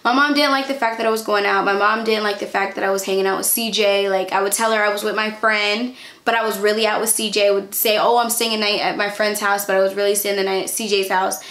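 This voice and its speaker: A woman's voice: medium pitch, fairly even intonation, fast, gravelly, fairly bright tone. A young woman vlogger tells a personal story in a chatty, candid, informal way, with plenty of filler phrases. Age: young adult. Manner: chatty, candid, informal with frequent "like" and "you know". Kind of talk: casual storytime vlog. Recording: echoey, roomy sound.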